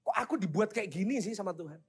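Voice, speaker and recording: High-voiced man preaching to teens. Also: animated, fast talker, slightly rough. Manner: jokey and self-mocking, teasing the crowd. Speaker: youth pastor. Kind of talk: lively youth sermon with audience call-and-response.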